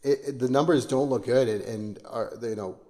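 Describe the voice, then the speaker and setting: A man's voice: medium pitch, warm tone, long reverb tail. A man co-hosting a podcast in casual conversation, often stopping and restarting as he searches for words. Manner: halting, gropes for words with many restarts. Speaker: podcast co-host.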